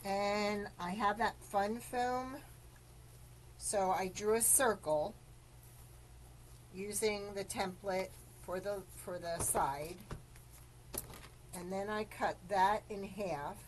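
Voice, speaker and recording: A woman's voice: medium pitch, slow pace, pauses often, slight background noise, low-quality recording. A woman hosting a live craft tutorial, explaining each step in a chatty way, greeting viewers and coughing now and then. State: coughing after choking. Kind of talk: live-streamed craft demonstration.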